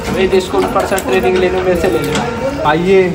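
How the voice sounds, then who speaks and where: A man's voice: high voice, flat delivery, reverberant, loud music behind the voice, rough recording. A man doing a casual gym vlog, chatting with viewers and coaching his friend through chest exercises. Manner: coaching a friend through lifts with quick urging calls. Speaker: vlogger. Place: small indoor gym.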